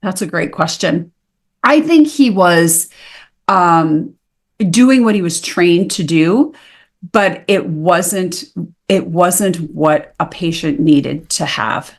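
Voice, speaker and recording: A woman in her fifties from the United States, a naturopathic practitioner answering as a guest, retelling her story with animated acted-out dialogue. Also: fairly low pitch, slow.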